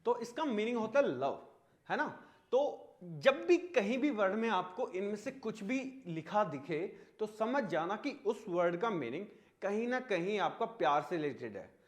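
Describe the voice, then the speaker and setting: A man's voice: sits high, very animated, measured pace. A young man with an Indian English accent teaching vocabulary, mixing Hindi and English and asking questions he answers himself. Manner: asks questions then answers them himself; mixes Hindi and English words. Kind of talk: online exam-prep lesson.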